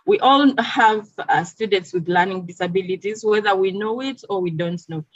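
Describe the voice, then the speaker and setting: A woman from Uganda, a teacher and teacher trainer, giving a measured webinar presentation with frequent "um" pauses over a video call. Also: medium pitch, no echo. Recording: dull, dry video-call audio.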